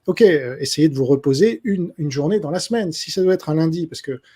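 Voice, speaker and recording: A man's voice: a little high, animated, a little fast, dark tone, husky. A man answering his subscribers' questions in a casual spoken monologue, hesitant and full of fillers and restarts.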